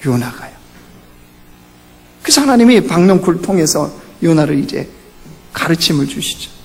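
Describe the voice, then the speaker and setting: A man preaching a Sunday sermon as pastor, asking rhetorical questions, climbing to emphatic peaks and then dropping low. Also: animated, normal speed, creaky. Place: church sanctuary. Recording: church hall reverb.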